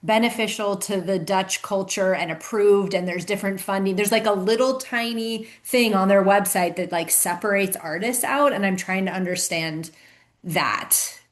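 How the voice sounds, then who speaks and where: Woman caller, mid pitch, unsure and halting. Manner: hesitant, searching for words. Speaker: caller asking a question. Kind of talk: casual group video call.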